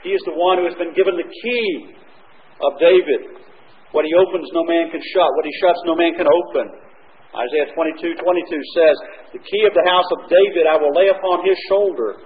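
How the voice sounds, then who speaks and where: Male preacher, high voice, expository sermon, reads and unpacks scripture, tinny phone-like recording. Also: moderate pace. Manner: reads scripture aloud and explains it point by point. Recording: tinny phone-like sound with faint noise.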